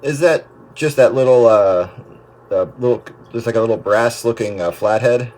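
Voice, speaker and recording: A man speaking at normal speed in a mid-range voice hosts an amateur radio chat, drifting casually through talk of equipment and trailing off. Static and noise fill the transmission.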